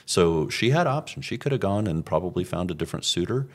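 A pastor casually talking over a recent sermon, thinking aloud with frequent restarts. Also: male voice, deep voice, expressive, fairly quick.

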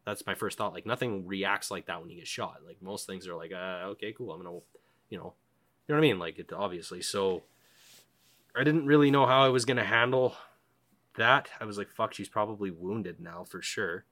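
A man in casual conversation telling a survival story, profane and animated, often acting out his own thoughts. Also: lowish voice, brisk.

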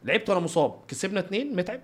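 Man, Egyptian Arabic accent, higher-pitched voice, rushed delivery, casual storytelling guest, acts out dialogue. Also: big pitch swings, a bit bright. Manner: acts out dialogue and sound effects. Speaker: footballer guest, goalkeeper. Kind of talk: animated anecdotal interview talk.

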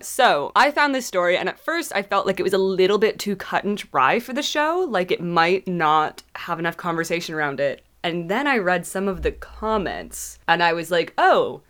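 A woman co-hosting a podcast, reading a story aloud with animated asides. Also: on the low side, moderate pace, hardly any pauses. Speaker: podcast co-host.

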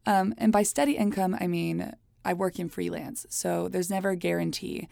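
A woman's voice: on the low side, moderate pace, creaky, warm tone, dry recording, clean studio sound. A woman co-hosting a podcast from inside a walk-in closet, chatting casually in a wry, self-deprecating way. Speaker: podcast co-host. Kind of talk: casual, bantering chat. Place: walk-in closet in a small apartment.

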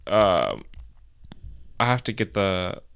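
A man co-hosts a casual history podcast. His voice sits low and sounds smooth and clear. He rambles and restarts his sentences as he talks things through. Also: very animated, a bit bright. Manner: rambling, halting, with many restarts. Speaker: podcast co-host. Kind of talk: casual chat.

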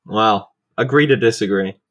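A man's voice: on the low side, moderate pace, fairly bright tone. A man co-hosting a casual podcast, playful and goofy. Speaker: podcast co-host. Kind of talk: casual chat.

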